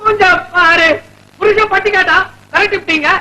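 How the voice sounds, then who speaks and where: An actor playing a flustered comic husband who snaps back with quick, exasperated retorts in an old film comedy. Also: male voice, very high voice, fairly even intonation, bright, forceful tone, full character voice, low-quality recording. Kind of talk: 1970s Tamil film comedy acting.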